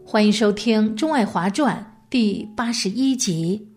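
Woman host reading a biography on air, calm steady storytelling, soft music underneath. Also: mid-range voice, unhurried. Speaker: radio program host. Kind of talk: scripted biography narration.

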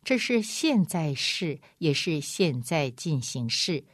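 A woman with a low, sing-song voice preaches an evangelistic sermon slowly, in clean studio sound with no room sound. Her style is emphatic and repetitive, and she often acts out a back-and-forth with a doubting listener.

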